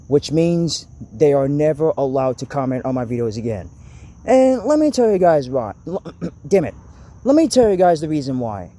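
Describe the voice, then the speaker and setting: A young man hosting his own channel, ranting to camera in a halting way, stuttering and restarting his sentences. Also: fairly high pitch, mellow. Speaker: channel host. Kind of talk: casual vlog rant to camera. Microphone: camera mic.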